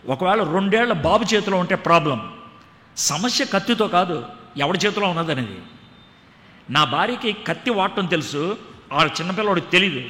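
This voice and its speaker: A male preacher giving a lively storytelling sermon in a large church hall, acting out dialogue in different voices. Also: sits high. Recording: echoey hall reverb.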